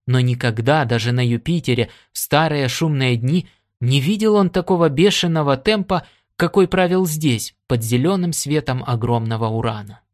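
A man reading an adventure audiobook aloud in steady storytelling narration. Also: mid-range voice, moderate pace. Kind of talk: scripted narration.

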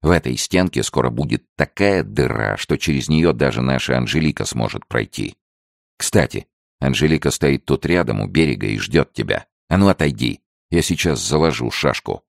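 A man voicing a cheerful, bold rescuer who talks in a brisk, friendly way. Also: a bass voice, animated, vocal fry, no room sound, clean studio sound, exaggerated voice.

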